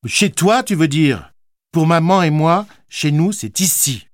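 A man's voice: on the high side, expressive, a little slow, no echo, clean studio sound. A man reading an audiobook, voicing a proud, touchy twelve-year-old boy who answers back defiantly. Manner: defiant, raised and sharper than the narration. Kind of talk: audiobook character voice.

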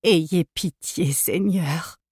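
A woman reading an audiobook, voicing a frightened woman who slowly pleads for help. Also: lowish voice, expressive, mellow, no echo, clean studio sound. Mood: pleading. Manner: pleading, slow.

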